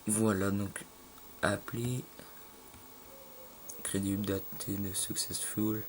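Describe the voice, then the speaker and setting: A man casually talking through a game tutorial, halting with fillers and loose slang, filmed on a phone at a home computer. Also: lowish voice, level tone. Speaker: gaming tutorial maker. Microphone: phone filming a screen. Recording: phone recording with faint room noise.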